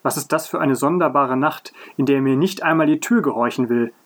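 A man voicing a grim, grumbling innkeeper played by a boy in a nativity play, curt and gruff. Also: medium pitch, a little fast, natural voice. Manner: grumpy, curt.

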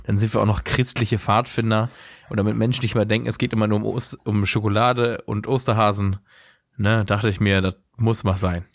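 A man's voice: fairly low pitch, flat delivery, a little fast, no room sound. A man co-hosting a casual podcast with dry, teasing humor. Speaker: podcast co-host.

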